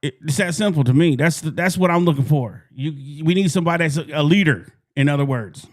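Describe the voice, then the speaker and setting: A man hosts a casual sports talk show. His voice sits a bit high for a man. He is folksy, clears his throat often and repeats words as he gets going. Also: quick pace. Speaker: podcast host.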